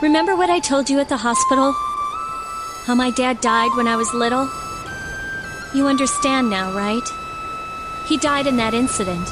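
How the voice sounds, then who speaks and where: A young woman plays a wounded, earnest teenage schoolgirl in a game drama. She confides emotionally in a mid-pitched voice, with loud music running beneath her. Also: moderate pace, long pauses, natural voice. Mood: wounded, reflective. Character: hurt, earnest teenage schoolgirl who idolized her father. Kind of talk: dubbed video game drama acting.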